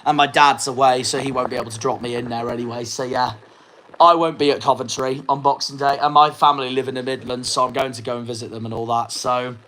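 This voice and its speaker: A young man from near Plymouth, England, talks fast in a bright, forceful, medium-pitched voice with little pitch movement, swearing furiously in his post-match fan video. The rough recording carries a little hiss or hum.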